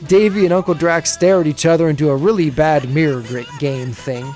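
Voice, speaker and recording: A man's voice: fairly high pitch, brisk, darkish tone, soft background music. A man co-hosting a podcast, recapping an episode in a casual, chatty way and often chuckling as he goes. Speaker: podcast co-host.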